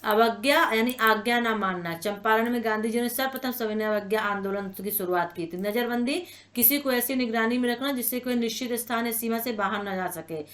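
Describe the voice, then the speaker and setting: A woman's voice: on the high side, fairly bright tone. A woman teaching an exam-prep lesson, explaining patiently, repeating each word and checking in with her students. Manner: explanatory, repeats words slowly with frequent "ठीक है ना" check-ins. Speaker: online exam-prep tutor. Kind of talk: spoken exam-prep lecture.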